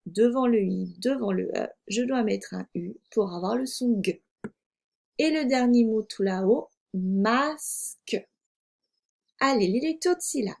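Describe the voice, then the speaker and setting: With a slightly high, somewhat mellow voice touched by vocal fry, a first-grade teacher leads a reading lesson for young children at a measured pace. She speaks patiently, saying words more than once and spelling each out letter by letter for dictation.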